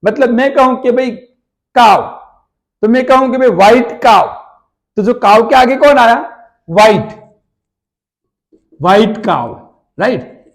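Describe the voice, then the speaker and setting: High-voiced man teaching grammar. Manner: repeats questions and answers them himself, slow drawn-out examples. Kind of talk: explaining grammar at a board.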